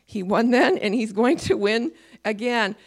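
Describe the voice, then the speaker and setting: A woman leads an informal Bible teaching in a voice with plenty of gravelly fry. She speaks emphatically, slows down to read scripture, and sometimes drops to a whisper. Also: on the high side, animated.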